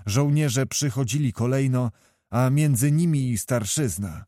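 A male audiobook reader narrating a historical novel in a measured, even way. His voice sits at an ordinary middle pitch and the recording sounds dry and close. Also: no echo.

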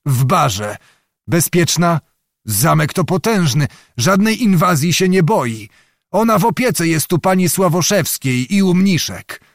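A man's voice: lively intonation, unhurried, dry recording, clean studio sound. A man putting on old blustering Zagłoba. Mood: reassuring. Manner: shouting, cursing in a raised, squeaky voice. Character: old blustering nobleman disguised as a beggar. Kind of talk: audiobook character voice.

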